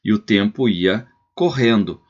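A man's voice: fairly low pitch, a little slow, slightly rough. Male teacher explaining a story. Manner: explanatory, frequent tag questions. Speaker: literature teacher. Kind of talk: literature lesson, reading and explaining a story. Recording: slightly muffled lo-fi recording.

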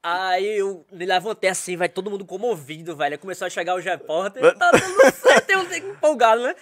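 Young guy, podcast guest, lively storyteller who acts out the other voices. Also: high voice, quick pace. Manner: animated, acts out quoted voices, laughs while telling. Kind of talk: casual storytelling.

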